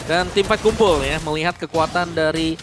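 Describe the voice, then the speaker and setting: A man's voice: on the high side, normal speed, noisy background. An Indonesian man giving live analysis and commentary on an esports match. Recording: music behind the voice.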